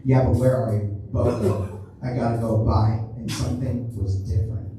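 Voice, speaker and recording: Performing stand-up in a small theater, this comedian of Cuban family background spins a long story in a loose, wandering way. He speaks at a moderate pace with a medium-pitched, level voice. Captured from afar in an echoey room, the clip has background noise.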